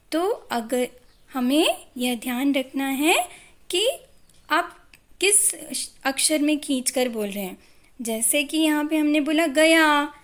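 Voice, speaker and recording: A woman teaching young children to read, sounding out syllables one at a time in a patient, drawn-out way. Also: sits high, a bit bright. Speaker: primary school teacher. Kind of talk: Hindi phonics lesson for young children.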